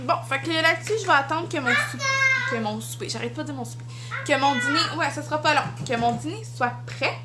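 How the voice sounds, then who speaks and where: A young mother with a Quebec French accent talks casually to her viewers. Her voice sits high and swoops around a lot. She slips easily into a sing-song tone for her little one. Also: big pitch swings, brisk, heavy background noise. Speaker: vlogger and mother. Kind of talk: casual home vlog.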